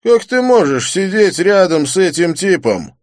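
A brawny Russian thug roars abuse in a high, strained shout that swings wildly in pitch. The voice is dry and close, with an audiobook feel. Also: male voice, very animated, measured pace, no room sound. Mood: shouting, menacing. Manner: yelling and bellowing threats. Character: brutish hulking Russian blond thug, belligerent man.

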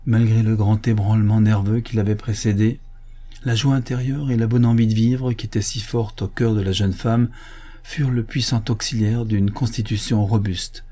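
A man narrating a literary novel as an audiobook in a measured, earnest way. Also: lowish voice, flat delivery, dark tone.

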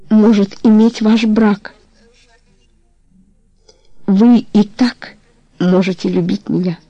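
A young woman in love pleads with her lover to stay, as the audiobook reader raises their voice for her. She speaks higher and imploring, with a gravelly texture under the pleading, and the reading is dry and close. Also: warm tone, no room sound, muffled recording. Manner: impassioned, imploring.

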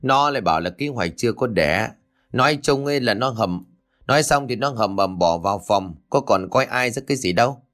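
A man's voice: expressive, a little fast, fairly bright tone. A man voicing a harsh, sneering old mother-in-law in a spoken ghost story. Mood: wailing. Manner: shrill, sneering, scolding.

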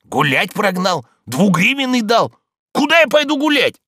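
A man's voice: a little high, sing-song, moderate pace, vocal fry, bright, forceful tone, dry recording, voice pushed up, heavily acted. A man voicing a lazy, stubborn old manservant who grumbles and refuses. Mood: grumbling. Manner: sluggish, stubborn, muttering refusals.

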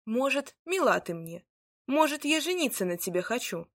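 A woman's voice: high-pitched, sing-song, normal speed, pitched above the performer's own voice, full character voice. A woman doing a cocky serpent-man warrior. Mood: teasing. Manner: teasing, sulky grumbling.

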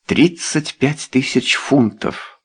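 A pompous, guilt-ridden gentleman father, as a male audiobook reader plays him, speaking in a lowish voice with lively pitch. He tends to be stiffly formal and then mumbles his confessions. It belongs to a period storybook. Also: a little slow, heavily acted. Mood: confessing.

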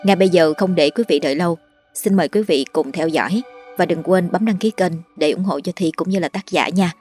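A woman host narrating a late-night ghost story in a polite, measured way. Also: fairly low pitch, a little mellow, slightly rough. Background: faint background music.

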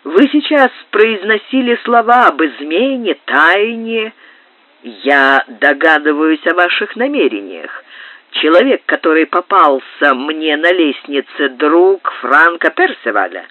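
A woman's voice: low-pitched, very animated, measured pace, bright, forceful tone, no room sound, exaggerated voice. Woman doing a cold menacing marquis guy, dry close sound. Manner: cold, insinuating. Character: domineering jealous Spanish marquis, man. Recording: tinny narrow-band dry digitized tape.

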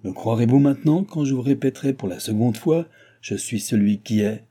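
A man's voice: fairly low pitch, moderate pace, warm tone, husky. A man reading an audiobook, voicing a haughty, commanding mysterious stranger who speaks with scorn. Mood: imperious. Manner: scornful, imperious.

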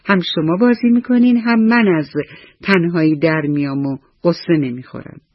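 A woman voicing a kind, lonely old man in a radio bedtime story. He talks softly and slowly, with a husky edge. The sound is dry and dull, like an old radio broadcast. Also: fairly low pitch, no room sound, close to an everyday voice. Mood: gentle.

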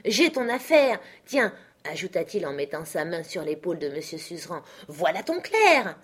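Bold joker of a man, read by a woman, loud and hearty with a teasing edge. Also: low voice, very animated, normal speed, husky, pitched below the performer's own voice, heavily acted. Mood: gleeful. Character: jovial bold man, a prankster doctor.

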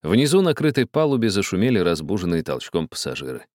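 A man reading a story aloud as narrator, with an expressive delivery. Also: deep voice, quick pace, dry recording, clean studio sound.

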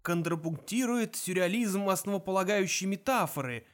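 A quick-witted alien schemer who talks urgently and sharply, as a man reads him. His voice is moderately high. It is performed as an audiobook character. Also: expressive, lightly acted. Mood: sly.

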